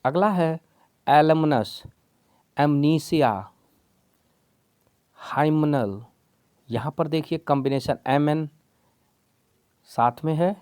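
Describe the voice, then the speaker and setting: A man's voice: on the high side, slow pace, pauses often, darkish tone, clean tone, no room sound. A man teaching spelling rules patiently, step by step, calling his viewers friends. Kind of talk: explaining a lesson in Hindi.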